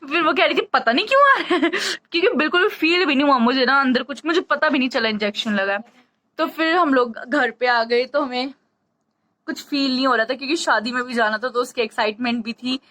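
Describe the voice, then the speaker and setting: Breathless woman vlogging, fairly high voice. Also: a little fast, a bit bright, low-quality recording. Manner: chatty, rambling storytelling. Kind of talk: casual vlog talk to camera.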